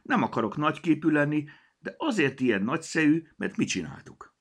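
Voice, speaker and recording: A man's voice: low voice, huge pitch swings, breathy edge, exaggerated voice. A man voicing a fussy, self-important little elf master in a storybook reading. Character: small proud elf master, bustling.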